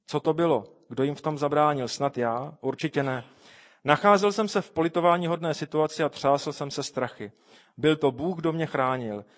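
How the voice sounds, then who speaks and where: A man reading a first-person testimony aloud in an earnest, measured way. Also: fairly high pitch. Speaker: reader.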